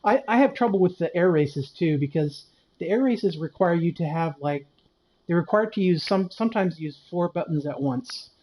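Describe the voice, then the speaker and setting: A man in his late fifties streams a racing game, chatting in a relaxed way, answering chat, and poking fun at himself. His voice is fairly high and his pace moderate. Loud game music and car engines play behind him.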